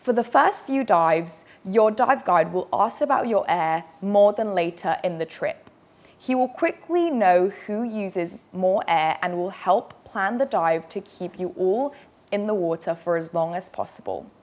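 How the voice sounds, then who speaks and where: A woman's voice: mid-range voice, lively intonation, unhurried, darkish tone. A woman presenting an instructional safety briefing, explaining directly with emphasis and reassurance. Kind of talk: instructional video narration.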